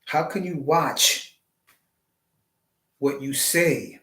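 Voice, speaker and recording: A man's voice: on the high side, extremely slow, sharp tone. Preachy man musing in a roomy echo. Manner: preachy, wordplay, rhetorical questions. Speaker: live stream host. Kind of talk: spiritual monologue.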